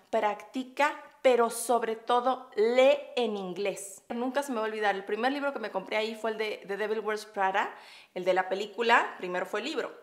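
The echoey recording captures a woman in her thirties with a Mexican Spanish accent, chatting cheerfully with viewers as she applies makeup. This beauty vlogger laughs a lot, and her voice leans high and a bit bright.

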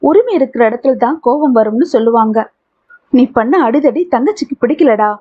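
A woman reading the part of a calm young man who reassures and advises his friend. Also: on the high side, brisk, breathy edge. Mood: consoling. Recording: tinny phone-like audio.

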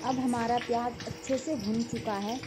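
A woman hosting a home cooking video, calmly talking viewers through each step of a recipe. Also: a little high, moderate pace, noisy background. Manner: instructive, addresses viewers as friends. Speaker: cooking channel host. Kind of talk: cooking tutorial narration. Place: home kitchen.

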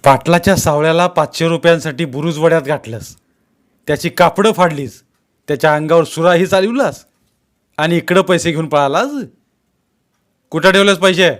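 Guy reading a story, doing a loud, raised-voice village cop, bossy and threatening, yells orders. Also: on the high side, slow pace, few pauses, voice pushed up. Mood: furious bullying. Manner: shouting, threatening, barking orders. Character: harsh bullying male village police constable. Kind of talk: storytelling read-aloud.

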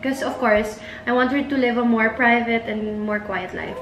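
Relaxed woman guest. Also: fairly high pitch, moderate pace. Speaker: guest, host's sister. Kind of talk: casual chat. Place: indoors at home. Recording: echoey room with faint noise.

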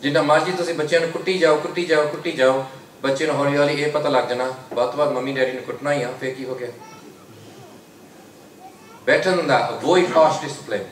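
Man, Sikh preacher, exhorting lecture, raised pitch, distant mic, echoey room, faint hiss. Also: fairly even intonation, fairly quick. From United Kingdom. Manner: exhorting, repeats slogans in English between Punjabi. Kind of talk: religious lecture to a congregation.

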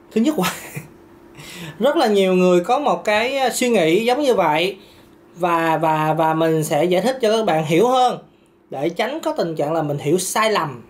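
A man, a singing teacher answering viewer questions in a casual lesson, chatty and repetitive, laughing now and then. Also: high voice. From Vietnam. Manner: chatty, repeats words, laughs often, demonstrates notes.

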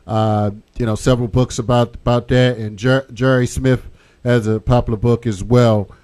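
A man's voice: mid-range voice, fairly even intonation, normal speed, darkish tone, clean tone. A middle-aged man hosting a radio show, talking casually and informally into a studio microphone in a small studio. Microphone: studio mic on boom arm.

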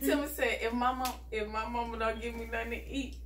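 A woman's voice: a little high, steady tone, fairly quick, reverberant, a crowd in the background. A woman chatting informally and slangily with family at home. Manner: slangy, informal storytelling and reacting. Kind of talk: casual family chat. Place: living room at home. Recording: distant camera mic, other voices around.

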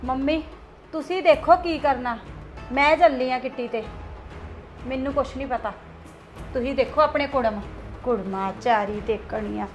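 A woman's voice: high voice, normal speed, long pauses, faint music behind, close to an everyday voice. A young woman playing a defiant, self-centred daughter-in-law who argues back in a family drama skit. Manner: argumentative, talking back.

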